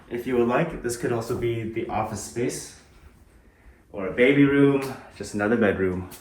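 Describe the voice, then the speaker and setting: A man giving a casual, low-key walk-through house tour as a real estate agent, tentative and mildly approving. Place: inside a mostly empty house, walking through. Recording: echoey empty rooms, distant mic, background noise.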